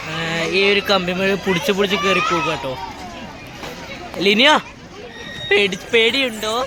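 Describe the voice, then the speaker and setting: A vlogger, casually narrating an outing to viewers and mixing English words into the talk. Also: mid-range voice. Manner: mixes English words into Malayalam. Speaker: vlogger hosting a travel vlog. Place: outdoors at tourist spots and park. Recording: noisy outdoor recording with crowd and traffic sounds.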